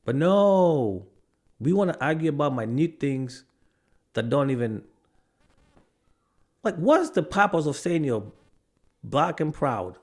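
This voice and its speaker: A man's voice: fairly high pitch, sing-song, takes it slowly, long pauses. Man from Africa ranting to camera. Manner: argumentative, fires off rhetorical questions; stops to check notes mid-rant, with restarts. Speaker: video commentator.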